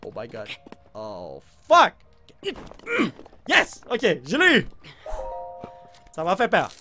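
An excitable man with a Québécois French accent, commenting on his own gameplay. His pitch leaps around in lively swings as he reacts loudly and chats to viewers, dropping in English exclamations. Faint game music plays underneath. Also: slow. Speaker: let's play host.

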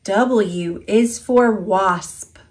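A woman with a mid-range voice and an American accent reads an alphabet picture book aloud for toddlers. She enunciates simply and deliberately.

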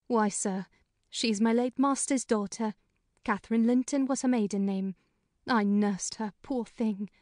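In a storybook reading, a man gives voice to a chatty middle-aged housekeeper, a woman who talks briskly, plainly and frankly. He pushes his voice up into a high, steady, slightly mellow register. The studio-quality recording is dry, with no room sound.

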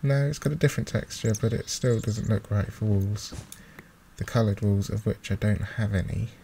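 Mouse and keyboard sounds fill the background as this gaming host talks through a let's play in a loose, unsure way, thinking aloud. His voice is on the low side, gravelly and mellow, at a moderate pace. He's recorded close on a desktop microphone with the gain up high.

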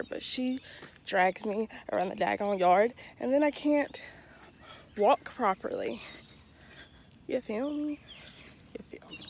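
A woman's voice: fairly high pitch, a little mellow, a little hiss or hum. Breathless young woman vlogging outdoors. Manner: chatty, self-mocking, breathless while walking. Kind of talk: casual walking vlog. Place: outdoors on a foggy neighborhood street. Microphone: handheld phone camera.

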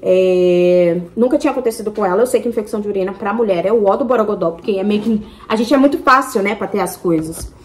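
With a medium-pitched voice, the young Brazilian-accented vlogger talks fast and hardly pauses, over a little hiss or hum. In this casual to-camera chat for her family vlog, she talkatively spells out a long, detailed story.

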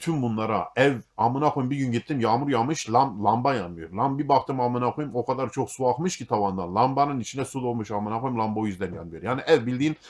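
A man's voice: mid-range voice, fast, hardly any pauses. A middle-aged man telling stories in a casual monologue, blunt and full of profanity, grumbling and fatalistic. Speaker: YouTube monologue host.

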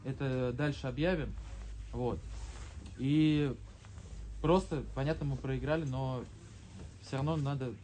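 A man in his thirties, a football coach, giving an earnest, halting, blunt pep speech to his team after a match. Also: mid-range voice, steady tone, mellow. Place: crowded indoor team locker room. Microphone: handheld camera a step or two away. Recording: noisy room captured on handheld camera.

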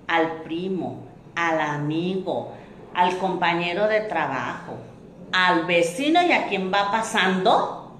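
A woman giving a self-help talk, deliberate, repeating lists and acting out quoted remarks. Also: fairly low pitch, reverberant, a little hiss or hum. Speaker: motivational speaker.

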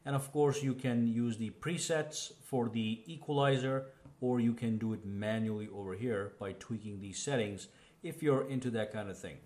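Chatty man walking through phone settings. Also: darkish tone. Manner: chatty, explains step by step, often says "okay?" and "boom". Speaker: tech reviewer. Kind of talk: casual phone tutorial walkthrough.

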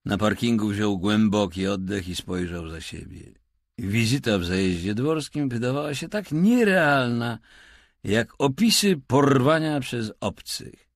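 A man narrating an audiobook in an expressive, measured manner. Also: medium pitch, dry recording, clean studio sound. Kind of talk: scripted narration.

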